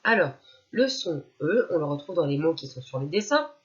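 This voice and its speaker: A woman's voice: low-pitched, very animated, normal speed, lo-fi sound. A woman teacher giving a reading lesson to young children, patiently sounding out syllables one by one.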